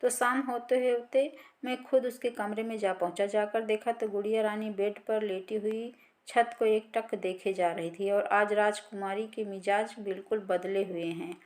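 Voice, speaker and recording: A woman narrating a family story in a calm, steady read-aloud manner. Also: medium pitch, normal speed.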